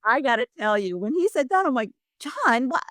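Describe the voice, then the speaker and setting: A woman's voice: on the high side, sing-song, fast talker, a bit bright, no echo, clean studio sound. A woman in her sixties telling a family story as a podcast guest, chatty and acting out what relatives said. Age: 60s. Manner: chatty, acts out quoted family dialogue. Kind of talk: personal storytelling in conversation.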